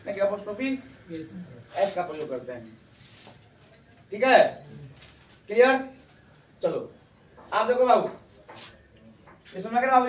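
A man teaching English grammar to a class, calling students "babu" and quizzing them loudly. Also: high-pitched, slight background noise. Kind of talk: classroom lecture. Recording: echoey classroom from far off.

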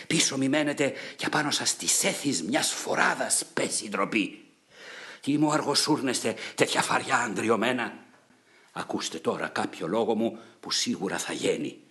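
A man's voice: lowish voice, sharp tone. A man voicing a brash young charioteer who urgently commands his horses in an epic poem reading.

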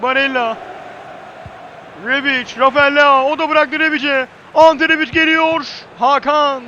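A man doing live football play-by-play as an excitable commentator who screams players' names at big moments. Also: extremely high pitch, takes it slowly, highs cut off, slight background noise.

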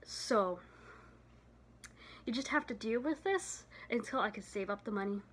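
A woman's voice: fairly high pitch, animated, measured pace, fairly bright tone, a little hiss or hum. A tired, breathless young woman vlogging casually into her phone, rambling with lots of fillers and trailing off. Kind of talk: casual vlog chat. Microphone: phone camera.

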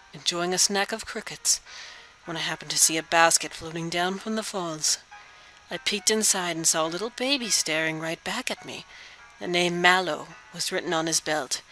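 A woman puts on an elderly male frog sage for a video game. He speaks formally and patiently, like a kindly teacher, with a clear bright edge. Faint music plays behind him. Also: low voice, low-quality recording. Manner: measured, formal, sage-like phrasing with tag questions. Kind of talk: video game dialogue read aloud.

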